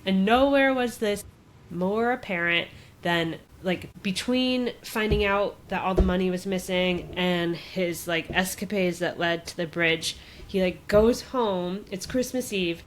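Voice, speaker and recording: A woman's voice: fairly low pitch, unhurried. Woman podcaster just chatting, lots of "like"s and little laughs, faint hiss behind. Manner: chatty retelling, peppered with "like" and laughs. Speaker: podcast co-host. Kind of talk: casual chat.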